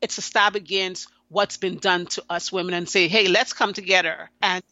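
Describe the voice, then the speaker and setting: In this conversational podcast interview, the guest is a woman from Guyana whose lowish, steady voice comes across bright and forceful. Her earnest speech keeps stopping and starting over. There's no echo, though the highs are cut off.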